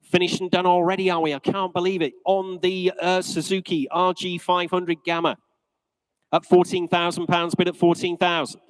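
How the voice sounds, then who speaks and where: Man, auctioneer, polished courteous bid-calling patter, fairly high pitch, close dry sound. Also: little pitch movement, moderate pace, clear, resonant tone, dry recording. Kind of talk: live auction calling, repeating bids.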